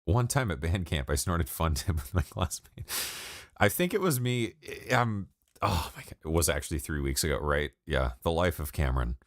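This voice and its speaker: Chatting with his livestream audience, this late-twenties music producer speaks in a low, very animated voice at a moderate pace. His talk is rambling and profane, broken up by frequent laughter, and the studio-quality audio has no room sound.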